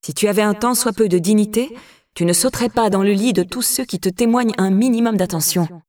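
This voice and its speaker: A woman's voice: medium pitch, fairly quick, dark tone, dry recording, studio quality, lightly acted. A woman voicing a scornful, hard-faced stepmother who sneers and needles. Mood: contemptuous.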